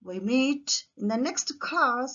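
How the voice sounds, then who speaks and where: Slow, patient female teacher with a Telugu-accented English. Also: sits high, expressive, fairly bright tone, muffled recording. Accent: Indian English, Telugu. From India. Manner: slow, repeats each word several times; mixes Telugu and English, calls pupils "amma". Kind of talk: pronunciation lesson for children.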